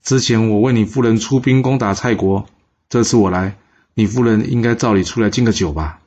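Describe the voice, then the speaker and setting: A man voicing a proud, scheming male king of ancient times in a storytelling podcast, boastful and bantering, with a husky voice on a dull recording. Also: fairly low pitch, fairly quick, a little mellow, close to an everyday voice. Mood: demanding.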